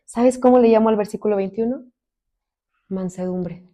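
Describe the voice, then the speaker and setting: A woman from Mexico preaching a sermon as a minister, expressive, swinging between loud emphasis and soft asides. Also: mid-range voice, normal speed.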